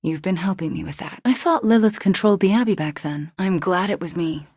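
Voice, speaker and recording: A powerful young witch superheroine from a video game, played by a woman, haunted by guilt and guarded yet tender. Her voice is on the low side, breathy and husky, with measured, intimate phrasing that often sinks toward a whisper. The sound is close and very dry. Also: darkish tone, no room sound, natural voice. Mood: conversational, earnest. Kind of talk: video game character voice lines.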